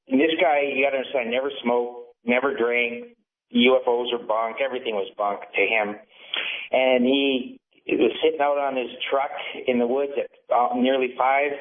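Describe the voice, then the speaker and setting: A man from Michigan calling into a radio show, telling a story in a halting way with many restarts over a tinny phone line. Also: medium pitch. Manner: halting, restarts mid-sentence. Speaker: caller. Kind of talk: casual call-in storytelling. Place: empty conference room. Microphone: smartphone speakerphone. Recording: tinny distant speakerphone call.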